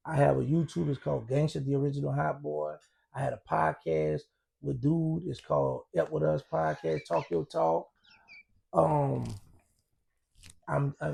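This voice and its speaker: A man's voice: a little high, dark tone. A middle-aged man talking casually as a podcast guest, using street slang and telling things with emphasis. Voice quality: gravelly, husky. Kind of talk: casual interview talk.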